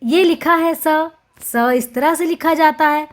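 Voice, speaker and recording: Woman teacher, high voice, very slow, drawn-out syllables, repeats each word for young children. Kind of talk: slow, drawn-out reading lesson for small children.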